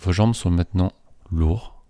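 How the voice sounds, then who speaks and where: Man, relaxation guide, soothing measured delivery, mellow dark tone, dry close sound. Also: sits low, no room sound.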